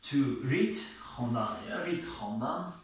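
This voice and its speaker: A man with a Tajik accent teaching an English lesson. He reads example sentences slowly and translates them briskly. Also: a little high, lively intonation, slight background noise. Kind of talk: language lesson. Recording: very echoey room, voice far from mic.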